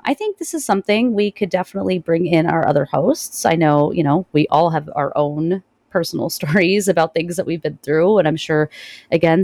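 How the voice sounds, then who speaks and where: Female podcast host, casual talker, mellow timbre with vocal fry. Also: sits low, no room sound.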